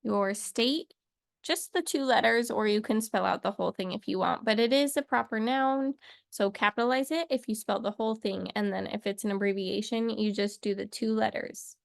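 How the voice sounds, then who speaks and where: A woman's voice: mid-range voice, normal speed, gravelly, no echo, clean studio sound. A young woman teaching a casual English lesson to camera, chatty and playful, wandering off into little asides.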